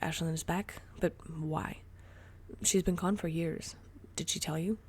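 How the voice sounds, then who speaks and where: A woman voicing a calm older brother borrower who speaks softly and quietly in a storybook reading. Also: sits low, breathy edge. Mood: soft, firm. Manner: soft, quiet and halting.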